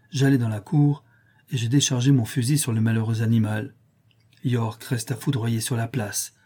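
A man reading a novel aloud as narrator, in a steady, measured storytelling manner. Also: medium pitch, husky. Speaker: audiobook narrator. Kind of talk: scripted narration.

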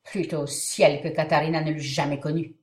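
A woman's voice: low-pitched, level tone, brisk, darkish tone, echoey room, pitched below the performer's own voice, natural voice. A woman playing a proud, humiliated young bride in a stage comedy, declaiming with indignant emphasis. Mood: indignant, wounded. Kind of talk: dramatic reading of a classic stage comedy.

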